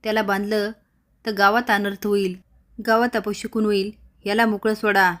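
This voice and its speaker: A woman's voice: medium pitch, level tone, normal speed, fairly bright tone, lightly acted. A woman voicing a cautious older villager who earnestly warns the others. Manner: warning, earnest.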